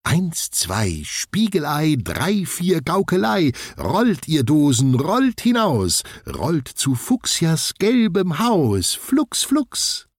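A man's voice: fairly high pitch, wildly swooping pitch, slow, hardly any pauses, breathy edge, no echo, clean studio sound, pitched above the performer's own voice, heavily acted. A man voicing a determined girl chanting a magic rhyme in a children's storybook. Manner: sing-song chanting.

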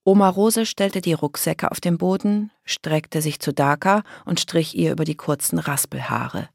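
Woman narrator, children's audiobook, low voice, gravelly texture, dry close sound. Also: unhurried, no room sound.

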